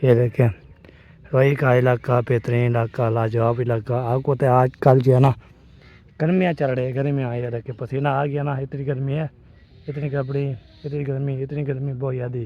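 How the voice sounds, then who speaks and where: A man's voice: medium pitch, flat delivery, normal speed, muffled recording. A man vlogging casually to camera on his phone while walking outdoors in hot village fields, rambling and repeating filler phrases. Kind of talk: casual family vlog to camera. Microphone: phone camera held while walking.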